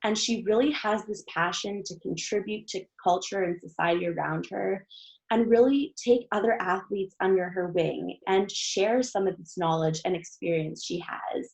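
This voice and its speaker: A young woman opens the session in an earnest, eager tone. Her mid-pitched voice carries a strong vocal fry as she introduces the guest. The talk is formal and well prepared. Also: normal speed, low-quality recording. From Canada. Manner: earnest and enthusiastic. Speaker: host introducing a guest speaker.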